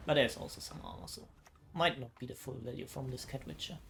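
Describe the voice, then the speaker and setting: A man casting a card game match as esports commentary, casual and exclaiming, often thinking out loud. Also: medium pitch, expressive, quick pace, gravelly, a little hiss or hum. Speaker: esports caster.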